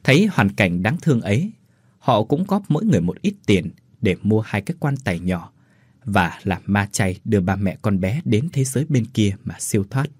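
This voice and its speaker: Husky low male narrator, lively melodramatic delivery, sad tale. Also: no room sound. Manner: melodramatic, slows for verse. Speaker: storyteller. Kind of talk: dramatic story narration.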